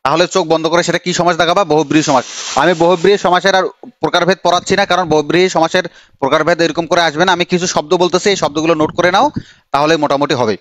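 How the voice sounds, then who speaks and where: Young guy teaching online class, talks fast, teases students by name, kinda high voice. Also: fairly even intonation, a bit bright. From Bangladesh. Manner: chatty, teasing, calls on students by name. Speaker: admission coaching teacher. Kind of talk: live online grammar class.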